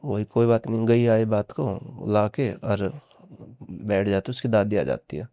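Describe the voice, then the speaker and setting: Mellow-voiced man telling a story. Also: on the low side, measured pace. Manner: retells dialogue with many "he said" tags. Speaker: podcast guest storyteller. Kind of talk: casual storytelling.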